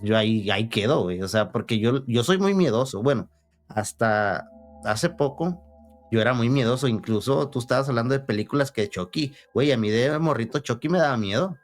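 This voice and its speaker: A man's voice: mid-range voice, animated, brisk, faint music behind. A young man with a Mexican Spanish accent telling paranormal experiences on a podcast in a rambling, slangy way, full of restarts and fillers. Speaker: podcast guest. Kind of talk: casual storytelling chat.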